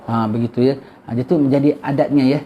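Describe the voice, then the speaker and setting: A man's voice: mid-range voice, steady tone, quick pace, husky, highs cut off. A man with a Malaysian Malay accent teaching a religious text, chatty and repetitive, often tagging "ya". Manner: chatty, repetitive, frequent "ya" tags. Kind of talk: kitab study lecture, reading and explaining.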